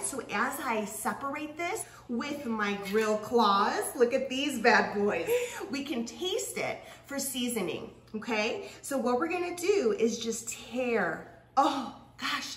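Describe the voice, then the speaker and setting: Woman, cooking host, gushing and exclamatory, higher voice, echoey room, mic at a distance. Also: animated, unhurried, fairly bright tone, a little hiss or hum. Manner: gushing, exclamatory, laughs often. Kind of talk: cooking demonstration to camera.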